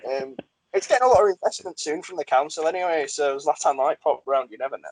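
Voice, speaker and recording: A man's voice: a little high, animated, quick pace, low-quality recording. A man hosting a casual football podcast, chatty and self-deprecating, laughing often. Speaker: podcast host.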